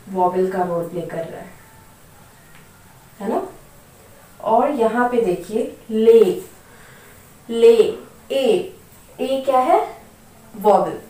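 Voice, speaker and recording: A woman's voice: fairly high pitch, a little mellow, recorded from a distance. A woman teaching English grammar, patiently repeating words and asking learners questions as she goes. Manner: asks rhetorical questions. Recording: echoey room, voice from off the mic, faint noise.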